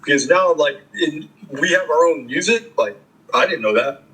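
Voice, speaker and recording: Interview guest, fifties, from the Bay Area: a husky, fairly high male voice with a profane, rambling storyteller's delivery. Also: lively intonation, moderate pace, sharp tone, low-quality recording. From California Bay Area. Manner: rambling, profane, filler-heavy. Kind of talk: casual storytelling.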